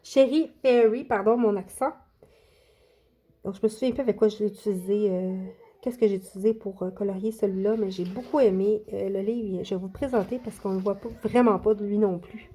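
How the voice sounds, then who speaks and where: Chatty Québécois woman with mellow voice. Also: medium pitch, steady tone, fairly quick. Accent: Québécois French. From Quebec. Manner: chatty, hesitant, many fillers and restarts. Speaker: coloring book YouTuber. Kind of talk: casual show-and-tell vlog.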